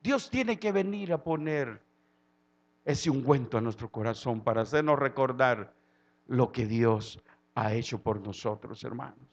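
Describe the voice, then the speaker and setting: A man from El Salvador with a Salvadoran Spanish accent, preaching a sermon. He swings from quiet, low-spoken passages to loud, impassioned calls. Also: unhurried, dull audio.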